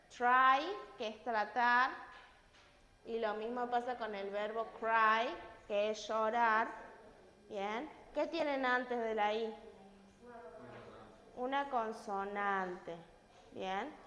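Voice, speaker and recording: A woman teaches English grammar in a slow, unhurried way and checks often that her students follow. Her voice sits a bit high. She is recorded from a distance in an echoey classroom with a long reverb tail and faint room noise behind her. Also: fairly bright tone, muffled recording. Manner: patient, checks with frequent questions. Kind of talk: classroom lesson.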